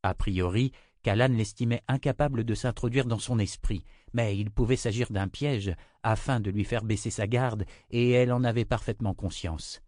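A man narrating an audiobook in a steady, even reading voice. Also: on the low side, normal speed, hardly any pauses, no room sound, studio quality.

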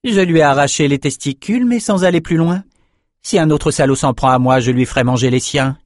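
A man's voice: fairly high pitch, a little fast, darkish tone, dry recording, clean studio sound, voice pushed up, close to an everyday voice. A man voicing a fierce, defiant young woman warrior who speaks bluntly and threateningly.

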